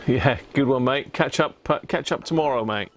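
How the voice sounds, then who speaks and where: On a casual hobby livestream, a man chats matily with viewers and mutters to himself while tinkering at an electronics bench. He has a mid-range voice and keeps a moderate pace.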